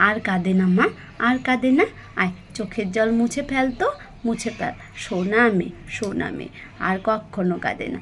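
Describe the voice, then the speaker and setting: Woman voicing a whole doll family. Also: on the high side. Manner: switches between family characters, pleading and soothing. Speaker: storyteller voicing all dolls. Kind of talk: doll cartoon voice acting.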